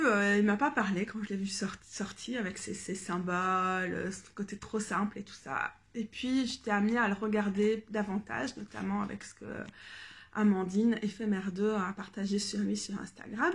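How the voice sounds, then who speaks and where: A woman, chatting casually in a vlog, thinking aloud with many fillers and restarts, low in energy. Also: vocal fry. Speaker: tarot vlogger.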